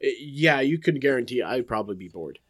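A man's voice: medium pitch, expressive, brisk, fairly bright tone. A man co-hosting a board game podcast in casual chat, groaning at puns and swearing freely. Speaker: podcast co-host.

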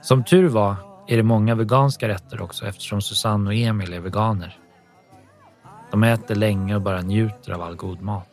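A man narrating an audiobook in a calm, even storytelling manner. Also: fairly low pitch, soft background music.

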